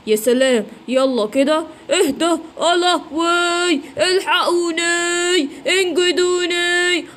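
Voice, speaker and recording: A greedy, chubby male animal who cannot swim, voiced by a woman in a children's story. He whines and stretches his pleading words out slowly, with an Egyptian accent. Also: high voice, natural voice. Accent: Egyptian Arabic. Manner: drawn-out, whiny pleading.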